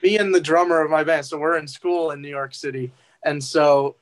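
A young man from New Jersey talks as a musician guest in a relaxed interview. He speaks in an easygoing, halting way, slightly higher in pitch than most men, gathering his thoughts as he goes. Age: young adult. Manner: easygoing, hesitant with fillers. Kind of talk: casual interview chat.

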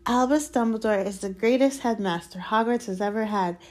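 Woman putting on a squeaky, servile little male elf. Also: a little fast, darkish tone, close to an everyday voice. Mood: fearful, urgent. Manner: squeaky, speaks of self in third person. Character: small excitable male house-elf, servile, reverent, fearful. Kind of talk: dramatised storybook reading.

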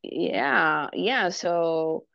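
Gravelly-voiced chatty woman podcast host. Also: lowish voice, expressive, drawn-out words, dry recording, dull audio. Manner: chatty, laughs often, talks over the guest. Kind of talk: casual interview chat. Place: living room.

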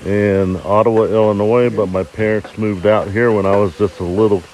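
A plainspoken man in his fifties answers questions in a very deep, low voice. He keeps his replies short and down to earth. Faint sizzling and outdoor noise sit in the background. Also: steady tone, normal speed, darkish tone, low-quality recording. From Arizona. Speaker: interview guest. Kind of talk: casual interview. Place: campground outdoors.

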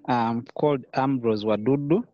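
A man, a podcast guest earnestly telling his story in a measured way with pauses. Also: medium pitch, dry recording. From Uganda. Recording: dull, lo-fi, dry sound.

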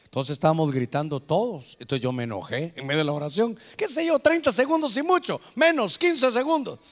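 A male pastor preaches in a high, swooping voice, acting out the people in his story. His tone is bright and ringing. The sound carries a long hall reverb. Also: lively intonation, brisk. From Guatemala. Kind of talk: sermon.

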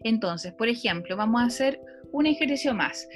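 A woman's voice: a little high, expressive, moderate pace, over music. A woman teaching a lesson, explaining step by step and quizzing a student with questions. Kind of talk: lecture on phonology.

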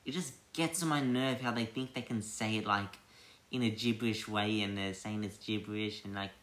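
A man's voice: lowish voice, fairly even intonation, normal speed, fairly bright tone. A young man hosting a casual chat podcast, rambling with many fillers and frequent laughs. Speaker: podcast host. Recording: echoey room.

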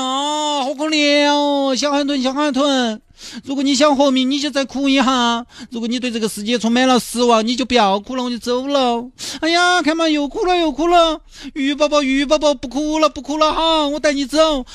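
A man with a Sichuanese accent voicing an excitable, soft-hearted man who gushes and wheedles for a dolphin's life. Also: brisk, few pauses, no echo, clean studio sound. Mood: wheedling. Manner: shrill, gushing, wheedling.

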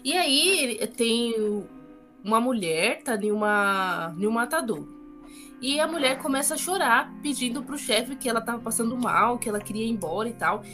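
A woman co-host chats through a movie review in a relaxed, rambling way. Her voice sits a little high. A clear music bed plays under her words. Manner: chatty, drawn-out summarizing with fillers. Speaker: podcast co-host. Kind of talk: casual movie review chat.

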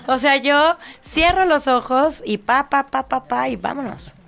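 A woman with a Mexican accent, a guest on an interview show, telling stories in lively casual chat and acting out the voices of the people in them. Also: high voice, takes it slowly, gravelly. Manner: animated storytelling, acts out quoted voices, laughs often. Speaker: angel medium guest.

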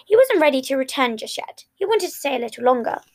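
A woman's voice: high-pitched, very animated, fast talker, creaky. A woman reading fan fiction aloud, often slipping and restarting lines. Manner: reads with frequent slips and restarts. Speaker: reader.

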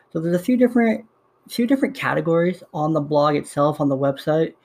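A man in his twenties with a slight lisp hosts a casual solo podcast from home, speaking into a USB desktop microphone. His voice is fairly high with a darkish tone, and he's upbeat and rambling, often repeating himself.

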